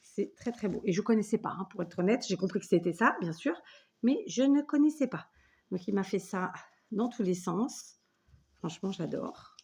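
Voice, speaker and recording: A woman's voice: mid-range voice, expressive, moderate pace, vocal fry, a little mellow, husky. A woman in her forties hosting a scrapbooking video at home, chatting enthusiastically as she opens gifts and thanks the sender. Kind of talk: casual unboxing chat.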